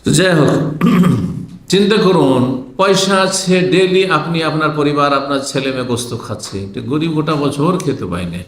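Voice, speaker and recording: A man's voice: fairly high pitch, lively intonation, moderate pace. A man from Bangladesh giving a religious lecture, teaching point by point and putting questions to his listeners. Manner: teaching in numbered points, asking the audience questions. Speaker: Islamic preacher. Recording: roomy echo.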